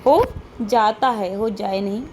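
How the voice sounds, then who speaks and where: A woman's voice: medium pitch, slow pace, a little mellow, slight background noise. A woman teacher giving an online lesson, patiently repeating each point, modeling sounds aloud and checking in with frequent questions.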